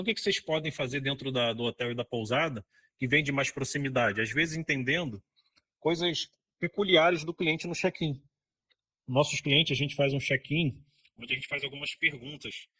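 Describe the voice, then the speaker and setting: A man's voice: a little high, moderate pace, fairly bright tone. Man giving a conversational lecture. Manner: conversational, frequent tag questions. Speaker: speaker at a hospitality conference.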